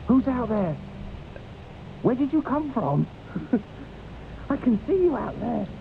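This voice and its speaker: A man's voice: very high-pitched, sing-song, slow pace, vocal fry, full character voice. An actor playing a frightened, paranoid man in hiding, who asks nervous questions and laughs uneasily. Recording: tinny lo-fi game audio with hiss.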